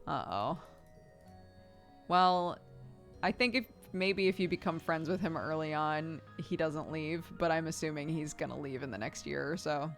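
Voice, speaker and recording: A woman streamer reading a story game aloud, with expressive narration and casual, conversational asides. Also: low voice, unhurried. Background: music.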